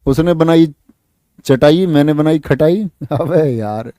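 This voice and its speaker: A man teaching an exam-prep class, lively, asking students questions and answering them himself. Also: on the high side, slow pace, dry recording. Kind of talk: online exam-prep lesson.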